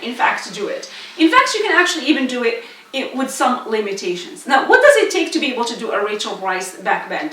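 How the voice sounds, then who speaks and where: A woman's voice: fairly high pitch, fairly bright tone. Chatty woman in an echoey studio. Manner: chatty, lots of "like" and "um". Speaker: belly dance instructor. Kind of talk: casual instructional video. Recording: echoey room, voice from a distance.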